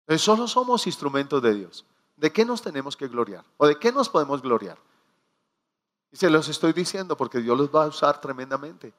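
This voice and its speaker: A man preaching a sermon, telling stories with acted asides and slowing down to stress key phrases. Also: fairly high pitch, very animated, fairly bright tone. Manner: storytelling with acted asides and quoted prayers.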